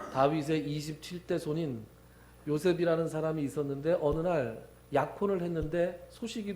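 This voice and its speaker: Male pastor giving a sermon, voice a bit high, church hall echo all around, keeps asking the room questions then answering. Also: a little mellow. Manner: storytelling, asks and answers own questions. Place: church sanctuary.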